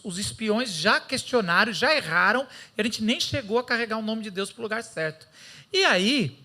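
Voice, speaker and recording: Bright-voiced Brazilian man preaching. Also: high-pitched. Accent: Brazilian Portuguese. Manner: lively storytelling, acting out quoted voices. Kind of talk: sermon.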